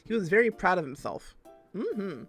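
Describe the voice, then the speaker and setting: A man's voice: a little high, normal speed, fairly bright tone, faint music behind. A man streaming himself as he reads fan fiction aloud, breaking off for joking asides and laughing often.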